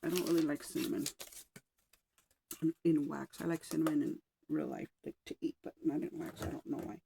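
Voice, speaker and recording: A woman vlogger chatting casually at home, rambling a little with sighs and soft asides, slightly out of breath. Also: sits low, fairly even intonation, fairly quick, vocal fry, slight background noise, rough recording. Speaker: wax melt vlogger. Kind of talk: casual chat. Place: home room with oil diffuser.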